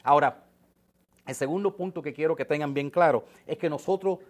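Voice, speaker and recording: A man's voice: a little high, fairly quick. A man preaching a sermon in as a pastor, conversational and emphatic, dropping in English phrases.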